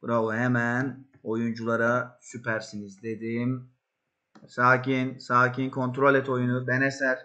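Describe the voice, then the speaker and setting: A man hosting a football management game video, commenting excitedly on the match and shouting at his players. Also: medium pitch, measured pace, muffled recording. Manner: excitable, yells at players, then calm asides.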